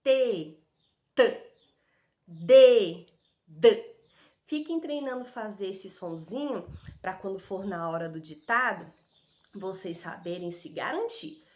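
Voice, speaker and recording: A woman with a Brazilian Portuguese accent giving an online lesson to young children, sounding out syllables slowly in a sing-song, affectionate way. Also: mid-range voice, lively intonation, a bit bright. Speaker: primary school teacher. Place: home recording with street dogs barking outside.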